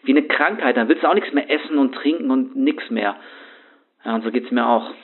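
A man performs a first-person horror story monologue as a rattled young homeless man, rambling anxiously in street slang and sounding shaken. His medium-pitched voice is creaky with a breathy edge and a slightly fast pace, and the recording has a tinny, phone-like quality.

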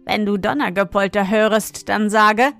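A woman voicing a calm, soothing frog bride who croaks low before she speaks, in a slowly read storybook. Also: faint music behind, natural voice.

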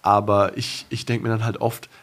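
A man's voice: lowish voice, little pitch movement, normal speed, a bit bright. A young man, a pro racer as a guest, chatting casually with many restarts, fillers and emphatic bursts. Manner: rambling, frequent restarts and fillers. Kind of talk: casual podcast chat.

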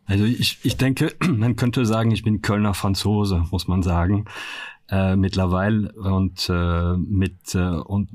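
A man's voice: low-pitched, fairly even intonation, a little slow, a little mellow, no room sound. A man in his fifties from France with a French accent, a company founder talking in a podcast interview, hesitant with many fillers and restarts. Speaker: founder and CEO, podcast guest. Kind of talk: reflective interview talk.

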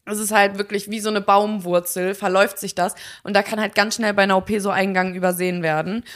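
A young woman tells a personal story on her podcast. She speaks at a middle pitch and acts out the voices of the people in the story. The delivery is casual and chatty throughout. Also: steady tone, fast talker. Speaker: podcast co-host. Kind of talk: casual chat.

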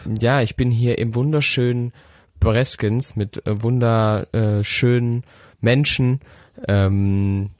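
A man's voice: mid-range voice, fairly even intonation, slow, a little mellow, no echo, clean studio sound. A man in his late twenties co-hosting a casual podcast over a remote call, rambling with many fillers and restarts. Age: late 20s. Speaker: podcast co-host. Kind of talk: casual chat. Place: holiday house. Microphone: remote call with a shaky connection.

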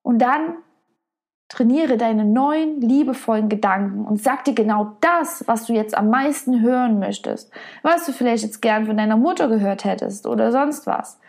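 High, gravelly-voiced woman coaching self-love. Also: moderate pace, a little mellow. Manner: earnest, coaxing, repeats phrases for emphasis. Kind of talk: motivational self-help monologue addressed to the listener.

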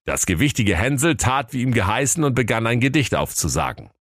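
A man narrating a comic fairy tale for children in a mock-solemn, lively storytelling manner. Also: mid-range voice, brisk, dry recording, clean studio sound.

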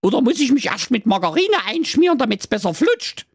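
Storybook parody: cheeky, impatient young girl, played by a man in high falsetto. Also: big pitch swings, a little fast, creaky, breathy edge, no room sound, clean studio sound, full character voice. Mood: mocking.

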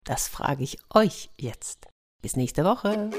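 A woman narrating a children's story with dramatic, expressive delivery. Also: low-pitched, slow pace, loud music behind the voice. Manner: dramatic, sound-painting delivery.

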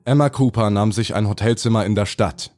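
A man's voice: on the low side, a little fast, darkish tone, soft background music. A man narrating a scripted horror audio drama in a formal, report-like way.

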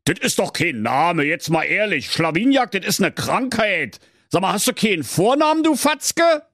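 A squeaky, huffy old king who speaks with a Berlin accent, his voice leaping up and down wildly. The delivery is dry and close, like a comic storybook reading. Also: very animated, normal speed, a bit bright, no room sound. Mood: outraged. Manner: high, shrill and blustering. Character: fussy, excitable old fairy-tale king. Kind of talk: comic fairy-tale reading.

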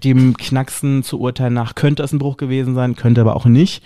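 A man's voice: medium pitch, little pitch movement, fairly quick, dark tone. A man in his thirties, a podcast guest, casually telling a personal story in a rambling way, often tagging questions onto sentences. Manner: rambling storyteller, frequent "ne?" tags. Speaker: podcast guest, drag performer and DJ.

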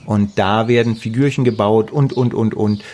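A man's voice: fairly low pitch, fairly even intonation, normal speed, darkish tone. A middle-aged man with a German accent, speaking casually and emphatically in an interview about the house he builds, often repeating words for stress. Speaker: artist building his house.

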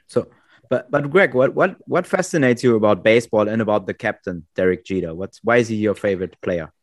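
A man's voice: on the low side, brisk. A man hosting a podcast, putting casual interview questions to his guests. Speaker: podcast host.

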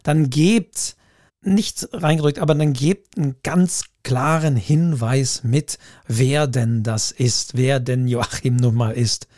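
A man co-hosting a chat podcast, explaining slowly and deliberately and speaking to listeners directly. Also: medium pitch, darkish tone, dry recording, studio quality. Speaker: podcast co-host. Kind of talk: casual chat.

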